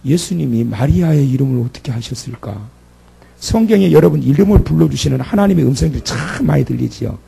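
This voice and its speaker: Gravelly-voiced man preaching a sermon. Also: medium pitch, lively intonation, quick pace, warm tone. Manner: dramatic, acts out the speakers in the story. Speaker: pastor.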